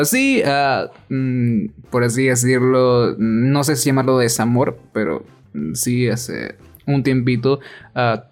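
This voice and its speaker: A man co-hosting a casual chat, hesitant and full of fillers, swearing casually. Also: medium pitch. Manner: laughs often, swears casually. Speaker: podcast co-host.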